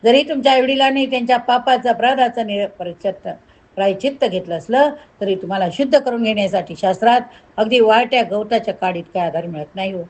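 A woman's voice: a little high, fast, a little mellow, close to an everyday voice, poor audio. A woman voicing a stern elderly priest who refuses the children's plea. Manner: firm, admonishing.

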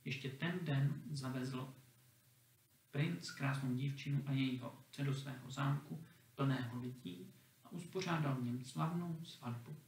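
A man reading a fairy tale aloud in a calm, measured storytelling manner. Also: mid-range voice. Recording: roomy echo, distant mic.

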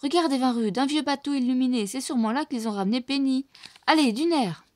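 A woman's voice: on the high side, expressive, normal speed, a little mellow, close to an everyday voice. Woman doing Bernard, a timid gallant mouse. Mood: eager. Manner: earnest, worried.

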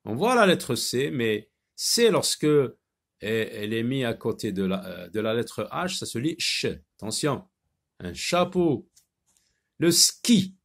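A man teaching a phonics lesson to children, stretching out sounds and words and pausing on hesitation fillers. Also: medium pitch, sing-song, gravelly. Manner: slow, drawn-out repetition of sounds and words.

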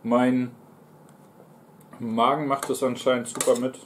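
A man's voice: mid-range voice, flat delivery, unhurried, slight background noise. A man in his twenties with a German accent, chatting casually on a livestream and answering viewers while he eats. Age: 20s. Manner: talks between mouthfuls, reading out and answering chat. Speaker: streamer and mukbang host. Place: small living room, indoors on a sofa.

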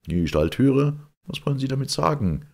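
A man with a husky voice reading an excited old bookkeeper in a detective audiobook, in a raised voice. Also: mid-range voice, pitched above the performer's own voice. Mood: indignant. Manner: excited, hurried. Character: old male bookkeeper, nervous and fussy.

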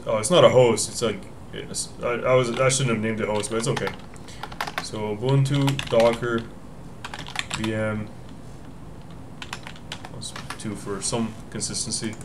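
A young man hosts a casual screen-recorded tech walkthrough from a room at home, thinking out loud and often correcting himself as he explains each step. His voice is lowish and steady, unhurried with long pauses, and there's background noise.

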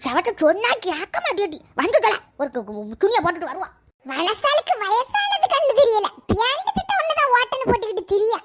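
A woman voicing a bossy, quick-tempered old village grandmother in a cartoon, scolding. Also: extremely high pitch, very animated. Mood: scolding chatter. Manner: scolding, blunt.

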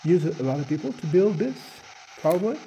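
A man leading a paranormal session with casual, halting questions addressed to spirits, pausing between short phrases. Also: on the high side, sing-song, dark tone, muffled recording. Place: inside a large underground cave. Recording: noisy handheld cave recording.

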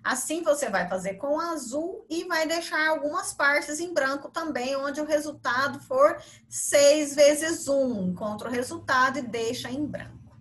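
High-voiced Brazilian schoolteacher. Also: female voice, fairly bright tone. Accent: Brazilian Portuguese. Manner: encouraging, explains step by step with many "certo?" and "ó". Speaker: teacher. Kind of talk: remote video lesson for children.

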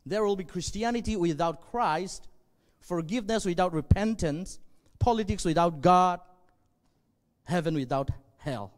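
A man in his forties, a native Zomi speaker, preaching on a church stage into a handheld mic. His voice sits a little high for a man, and he speaks in an earnest, measured way with frequent pauses. A long reverb trails each phrase through the hall. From northwest Burma. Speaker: pastor. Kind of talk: sermon.

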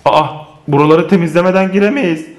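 Playful high-voiced family vlogger man. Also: brisk. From Turkey. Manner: animated, teasing, addressing viewers.

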